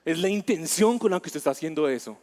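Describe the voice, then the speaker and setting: A man with a Colombian accent, on the higher side for a man, preaching a sermon in a chatty, storytelling way. He keeps turning to the congregation with questions. His voice rings out with the long reverb of a church hall. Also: animated, quick pace, a little mellow. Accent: Colombian Spanish, Bogotá. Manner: conversational preaching, asks the congregation questions and tells personal stories.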